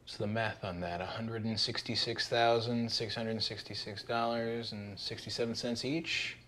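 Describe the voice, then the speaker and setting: A man's voice: on the low side, fairly even intonation, moderate pace, fairly bright tone, a little hiss or hum, lightly acted. An actor in his thirties playing Luke, a smug, successful lawyer cousin with a dry, needling manner, recorded indoors. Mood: businesslike. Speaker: actor in a short film. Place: house basement and kitchen, indoors.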